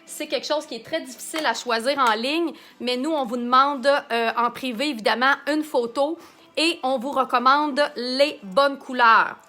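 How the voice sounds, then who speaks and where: A Québécois woman with a high, bright voice hosts a live makeup demonstration. She talks in a chatty way and answers viewer comments while she works. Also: moderate pace. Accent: Québécois French. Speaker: makeup artist hosting a live stream.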